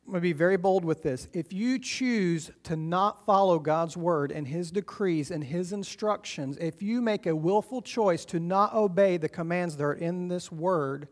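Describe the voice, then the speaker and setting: A man preaching a sermon as pastor, earnest and encouraging, swinging between loud urging and quiet, hushed lines. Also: high voice, moderate pace, hardly any pauses. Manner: earnest, encouraging, rises and drops in volume.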